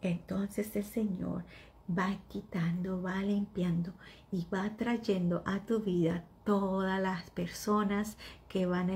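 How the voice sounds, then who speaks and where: A woman delivers a devotional sermon at an unhurried pace, her voice gravelly with fry. She speaks softly and earnestly, often sinking into a near whisper. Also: medium pitch.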